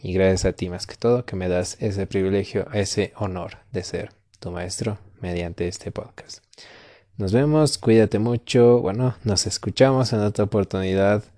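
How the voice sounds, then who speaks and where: A man from Latin America hosting a Spanish-learning podcast as a tutor, speaking slowly and clearly, patiently repeating words for his learners. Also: lowish voice, warm tone, no room sound, clean studio sound. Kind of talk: slow, clear teaching podcast.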